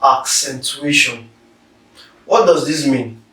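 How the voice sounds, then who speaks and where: A man teaching public speaking in a slow, deliberate lecture, carefully stressing syllables as he demonstrates words. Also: mid-range voice, sharp tone. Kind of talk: instructional lecture. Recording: echoey room, somewhat far from the mic.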